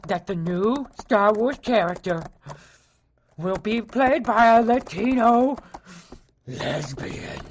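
A man voicing a whiny, outraged male nerd fanboy in a shrill, melodramatic rant. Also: full character voice.

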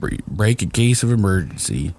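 A man's voice: sits low, sing-song, normal speed, a little mellow, slightly rough. A man hosting a podcast, asking curious, easygoing questions in casual interview chat. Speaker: podcast host.

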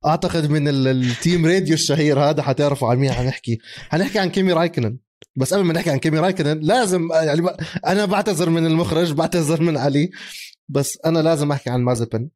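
A man, co-hosting a casual sports chat. He is animated, laughs often and mixes English phrases into his speech. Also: a little high, very fast. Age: 30s. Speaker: podcast co-host.

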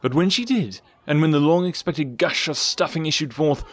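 A man narrating a classic storybook tale in an expressive, theatrical storytelling manner. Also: fairly high pitch, moderate pace, no echo.

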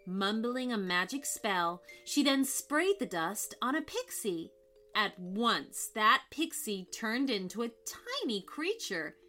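A woman narrating a scripted children's story in an expressive, dramatic way. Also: fairly high pitch, slow pace. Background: background music.

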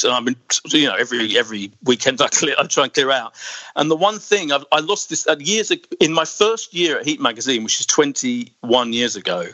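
A man's voice: medium pitch, pushed and bright, no echo, low-quality recording. A man in his forties hosting a podcast, talking enthusiastically and stumbling over his words in casual chat. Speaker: podcast host.

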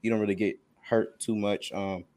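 A young man with a fairly low voice chats casually on a podcast. He rambles, repeats himself and keeps dropping "like" and "bro". He sounds loose and conversational. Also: steady tone, normal speed, darkish tone. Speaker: podcast co-host. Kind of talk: casual chat.

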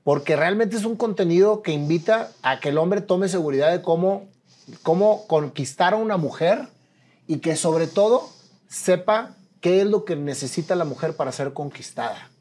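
Man, middle-aged, Mexican Spanish accent, casual host, slangy questions, fairly high pitch. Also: lively intonation, moderate pace, darkish tone. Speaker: podcast host. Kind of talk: interview conversation.

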